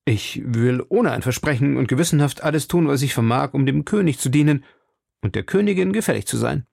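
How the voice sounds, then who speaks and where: A man voicing a bold young swordsman who speaks briskly and earnestly to the woman he protects. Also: mid-range voice, animated, vocal fry, darkish tone, no echo, clean studio sound, voice pushed up. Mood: gallant. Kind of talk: audiobook character voice.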